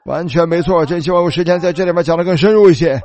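A man's voice: a little high, quick pace, darkish tone. A man preaching a sermon, telling the story animatedly and calling out hallelujah.

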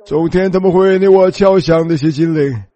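High-pitched guy preaching his testimony, all pleading and teary. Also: a little fast, warm tone. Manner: emotional, pleading, tearful. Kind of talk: sermon, personal testimony.

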